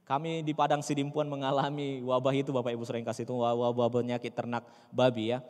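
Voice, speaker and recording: A young man from Sumatra, preaching a sermon. He swings between loud, high exclamations and quiet, low asides, and keeps repeating the same address to the congregation. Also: monotone, quick pace, big-room sound. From North Sumatra, Indonesia. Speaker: pastor. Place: church sanctuary.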